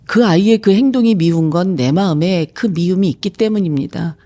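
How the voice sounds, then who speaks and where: A woman's voice: fairly low pitch, fairly quick, mellow. Woman counselor in her 50s, earnest and reflective, doing a radio-style advice segment. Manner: earnest, reflective, emphatic at times. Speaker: psychological counselor. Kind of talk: radio-style advice reading of a viewer letter.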